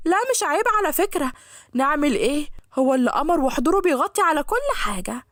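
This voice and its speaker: Rahaf is a bubbly, teasing young woman in a spoken story who chatters in a sing-song Egyptian voice, as a woman acts her out. Her pitch sits high and leaps about a lot, and the recording is close and dry. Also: big pitch swings, fast, fairly bright tone, dry recording. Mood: cheeky. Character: young woman, playful and cheeky.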